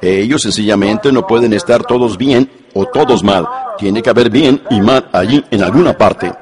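A man's voice: on the low side, moderate pace, crowd noise. A man preaching a sermon earnestly, telling stories and repeating points for emphasis, in a church before a congregation. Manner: storytelling, earnest, repetitive emphasis.

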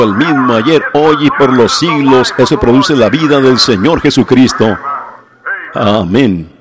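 A man preaching a sermon to a congregation, often asking "¿ven?" and slowing down to stress his points. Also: medium pitch, noisy background. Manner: keeps asking the audience "¿ven?"; slows down for emphasis.

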